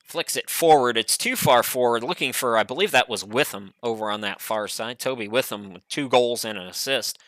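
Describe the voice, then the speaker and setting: A middle-aged man calling a college soccer match play-by-play from a home studio, chatty and relaxed with frequent fillers. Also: mid-range voice, moderate pace, few pauses, dry recording. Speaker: play-by-play commentator.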